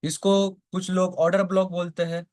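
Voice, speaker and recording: High-voiced man teaching a trading class. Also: flat delivery, moderate pace, darkish tone. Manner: asks the class questions and answers them himself; often checks in with "ठीक है?" and "है ना?". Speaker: stock market trading teacher. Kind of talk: live online class.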